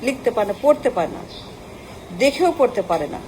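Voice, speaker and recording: A woman's voice: on the high side, very animated, fairly quick, darkish tone, slight background noise, rough recording. A woman giving an impassioned political rant, firing off long lists of insults and mixing in English words. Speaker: political commentator.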